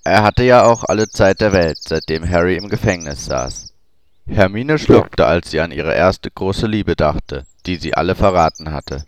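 Deep-voiced male audiobook narrator. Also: animated, normal speed, slight background noise. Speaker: audiobook reader.

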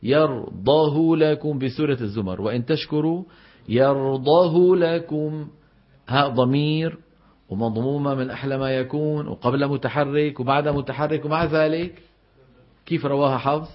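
A man teaching recitation rules to a class, questioning his students and reciting examples slowly. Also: mid-range voice. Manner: explains with frequent questions to the class. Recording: dull lo-fi recording.

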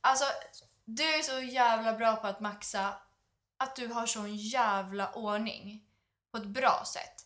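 Woman podcast cohost, gushy storyteller, swears casually, high bright voice. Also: steady tone. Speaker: podcast co-host. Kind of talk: casual chat.

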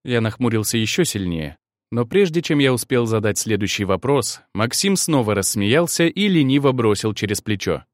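Expressive male audiobook narrator. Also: medium pitch, normal speed, no room sound, clean studio sound. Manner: expressive first-person reading. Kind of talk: scripted fiction narration.

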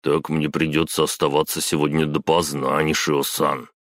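A man's voice: very deep voice, flat delivery, moderate pace, fairly bright tone, no room sound, studio quality. A man reading a story, voicing a put-upon heavyset male office worker who mumbles and complains. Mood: complaining.

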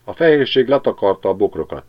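A man voicing a humble old male sparrow who begs in a high, chirpy voice. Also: big pitch swings, highs cut off. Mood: pleading.

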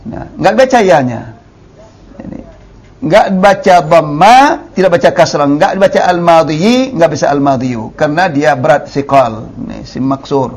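This Indonesian-accented man teaches an Arabic grammar class at normal speed, his slightly high voice carrying a darkish tone. He explains patiently, says key terms again and again, and draws out the words he demonstrates.

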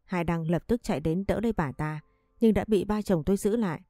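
A woman reading a family drama story aloud in a steady storytelling voice. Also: on the low side, a little fast, no room sound. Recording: dry close voice with faint music behind.

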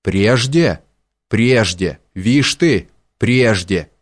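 A man voicing a conceited young valet who talks down with pompous, drawn-out condescension. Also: mid-range voice, lightly acted. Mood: condescending.

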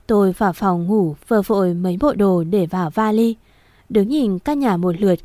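A woman's voice: mid-range voice, warm tone, no echo. A woman narrating a first-person romance story aloud in an emotional, tearful manner.

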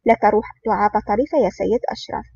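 A reader voicing a scheming male crime boss in an audiobook, in a measured, smooth manner. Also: mid-range voice, a little mellow, slight background noise, lightly acted. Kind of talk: audiobook reading. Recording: dull lo-fi recording.

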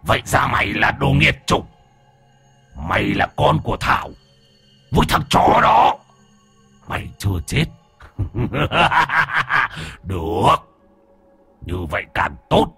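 A man voicing a cruel, vengeful male demon in a horror story, speaking in a low, menacing drawl. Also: sing-song, measured pace, creaky, long pauses, sharp tone, slightly rough, dry recording, faint music behind, heavily acted.

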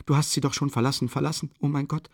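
A man reading an audiobook, voicing a desperate young woman who pleads in a high, loud, urgent voice. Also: little pitch movement, fast, gravelly, dry recording, studio quality.

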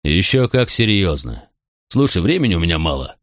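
A man's voice: low voice, sing-song, normal speed, no echo, clean studio sound. A man voicing a stern, angry Roman centurion who speaks in blunt, harsh commands. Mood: cold.

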